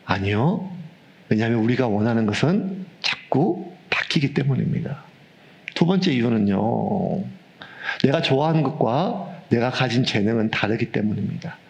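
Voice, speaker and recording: Gravelly-voiced pastor in his fifties. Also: mid-range voice, normal speed, dull audio. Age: 50s. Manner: humorous storytelling, grows animated and aggrieved. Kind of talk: sermon.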